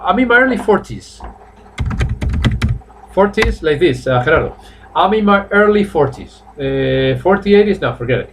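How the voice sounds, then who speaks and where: A male English teacher from Spain, in his fifties, leads a live online class in English and Spanish from a small room at home, alternating languages and repeating phrases slowly as drills. His voice is on the higher side, and the webcam room carries faint noise.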